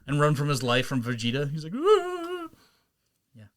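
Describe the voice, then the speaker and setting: A man in his thirties hosting a casual podcast, animated and quick to break into cartoon character impressions. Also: mid-range voice. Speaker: podcast host. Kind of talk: casual chat.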